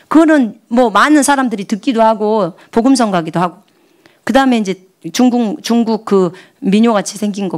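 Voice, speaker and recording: A middle-aged woman missionary preaching a sermon, telling a story with hushed asides and excited outbursts. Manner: animated, shifts between hushed asides and high excited outbursts.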